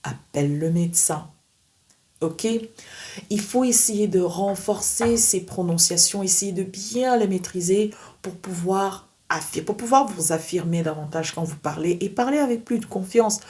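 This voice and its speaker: A woman teaching pronunciation, speaking slowly and repeating sounds and words for learners to copy. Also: medium pitch, warm tone. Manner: repeats sounds and words for practice, addresses viewer directly. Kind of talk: slow instructional lesson with drilled examples.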